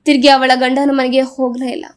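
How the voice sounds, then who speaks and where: A woman narrating a novel as an audiobook in a measured, solemn reading. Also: high voice, little pitch movement. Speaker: audiobook reader. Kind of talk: scripted narration.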